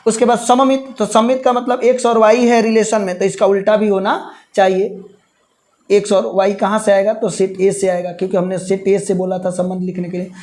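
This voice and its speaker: A man from India teaching a live online math class, explaining slowly step by step and repeating key terms with English words mixed in. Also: high voice, level tone, a little mellow.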